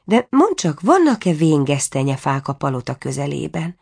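A woman's voice: sits low, gravelly, slightly rough, full character voice. Woman voicing a wise talking goose. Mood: reassuring. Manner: calm, reassuring.

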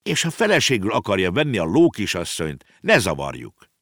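An earnest, kind-hearted young boy, put on by a male narrator in a storybook reading. The pitch is pushed high and eager, with a lively lilt. The sound is dry and close. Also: dry recording, exaggerated voice.

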